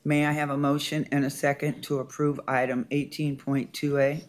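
In a formal board meeting, the male president reads agenda items and calls motions and votes. His pitch is fairly high with little movement, and he keeps a moderate pace.

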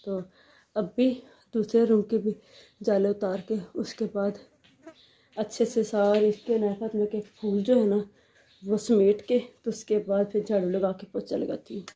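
A woman, a mother quietly narrating her housework at home in a casual vlog. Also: steady tone, measured pace, slightly rough. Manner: soft, low-key running commentary on chores. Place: home indoors.

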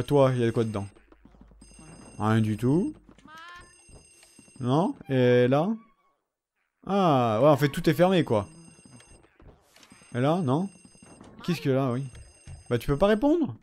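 A man's voice: medium pitch, a little mellow. A young man giving casual gameplay commentary, chatting to the characters on screen and swearing in jest. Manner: chatty, talks back to game characters, swears jokingly. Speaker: let's play gamer.

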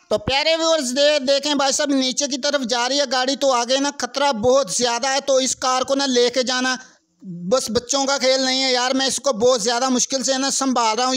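A young man with a Pakistani Urdu accent giving chatty, excitable commentary over a car stunt game, often calling out to his viewers. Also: very high-pitched, smooth. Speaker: gaming channel host. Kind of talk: casual gameplay commentary.

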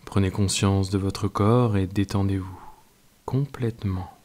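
A man with a French accent guiding a yoga nidra meditation, giving slow, calm, soft-spoken instructions. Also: low-pitched. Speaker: meditation guide.

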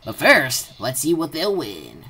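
Low-voiced, excitable woman gamer. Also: measured pace. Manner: excitable, blurting outbursts. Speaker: gamer recording gameplay. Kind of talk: excitable gameplay commentary, reading game dialogue aloud.

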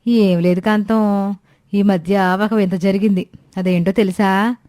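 Woman doing a gossipy village neighbour lady, smooth talker, dry sound. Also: medium pitch, steady tone, measured pace, mellow, no echo, lightly acted.

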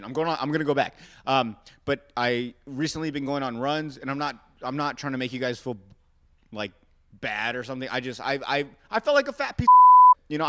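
A man's voice: mid-range voice, fairly bright tone. A man from Arizona hosting a solo podcast, rambling through self-mocking rants aimed straight at his listeners. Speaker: podcast host. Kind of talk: casual solo podcast rant.

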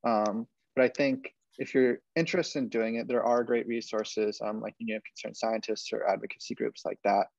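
A young man answers panel questions over a video call, rattling along quickly with plenty of "um"s. His voice is gravelly. The sound is dry and a little dull. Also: medium pitch, a little mellow, dry recording. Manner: fast, filler-heavy, earnest. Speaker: panelist, science advocacy organizer.

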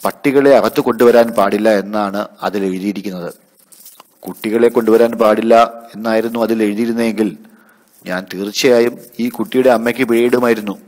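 A man voicing a stern male park keeper who lectures everyone loudly and firmly. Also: fairly low pitch, big-room sound, close to an everyday voice. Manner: firm, loud, lecturing.

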